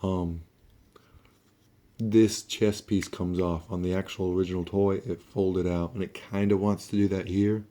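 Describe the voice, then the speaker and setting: Low, flat-toned sick man reviewing toys. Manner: offhand, halting, mildly sweary. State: sick, under-the-weather voice. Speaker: toy reviewer, host. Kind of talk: casual hands-on toy review, talking through steps.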